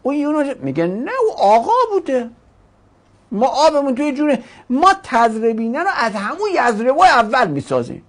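A woman's voice: on the high side, breathy edge. A woman teaching a grammar lesson, putting questions to the class, answering them herself, and giving grammar forms their own voices. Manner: acts out grammar forms as talking characters.

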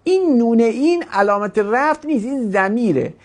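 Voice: medium pitch, animated, darkish tone. A teacher giving a grammar lesson to a class, asking questions and drawing out words while explaining.

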